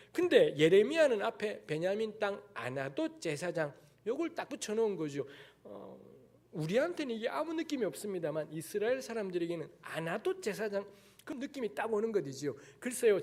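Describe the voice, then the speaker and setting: Man, from Daegu, guest preacher, candid conversational sermon, very animated intonation. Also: high voice. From Daegu, South Korea. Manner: blunt, candid, conversational, with frank asides. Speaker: guest preacher at a church revival meeting. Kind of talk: lecture-style sermon. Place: church sanctuary.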